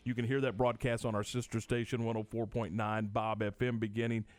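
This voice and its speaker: A man's voice: fairly low pitch, little pitch movement, brisk. An American man hosting live sports talk on the radio, repeating words as he works his way into questions.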